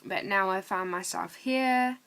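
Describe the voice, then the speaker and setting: A drunk woman rambling casually in a confessional vlog, halting, drifting and swearing as she goes. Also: mid-range voice, a bit bright, slight background noise. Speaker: vlogger.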